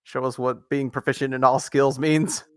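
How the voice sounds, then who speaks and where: A man's voice: medium pitch, flat delivery, moderate pace, clean tone, dry recording, studio quality. A man playing in an online tabletop game, talking casually and rambling, often restarting his thoughts. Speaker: player.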